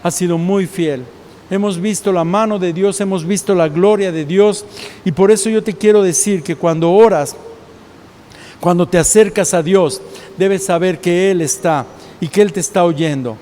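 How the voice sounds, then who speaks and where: High-voiced Mexican pastor preaching. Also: male voice, normal speed, warm tone, long reverb tail. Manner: storytelling preacher, acts out quoted voices. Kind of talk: sermon.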